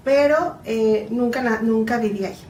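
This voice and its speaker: A woman's voice: a little high, darkish tone, reverberant. Woman, 40s, from Mexico, guest therapist, earnest explanations, distant from mic, faint noise. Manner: earnest, explanatory, slow in places. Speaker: guest psychotherapist. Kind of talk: interview answers.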